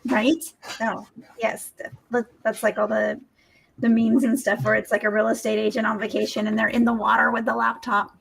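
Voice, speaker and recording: Woman, fairly high voice, flat intonation, casual explanatory podcast talk. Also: moderate pace, creaky, husky, rough recording. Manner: explanatory, informal, with fillers. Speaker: podcast co-host. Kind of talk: casual chat.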